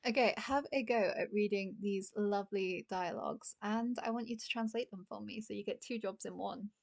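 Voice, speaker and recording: A woman's voice: mid-range voice, moderate pace, creaky, a little mellow, no echo. A woman teaching a casual beginners' Japanese lesson, chatty and full of "like" fillers. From studied in Japan.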